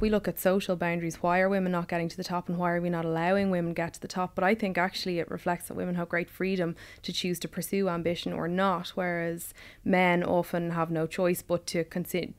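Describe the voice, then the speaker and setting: An Irish woman in her thirties, thinking aloud in a measured way during a discussion. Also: on the low side, smooth. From Ireland. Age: 30s. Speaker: roundtable guest. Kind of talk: casual discussion.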